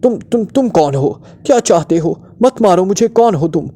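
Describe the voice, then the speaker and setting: A man's voice: on the high side, expressive, moderate pace, darkish tone. A man voicing a terrified male doctor who stammers and pleads in fear. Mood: panicked pleading.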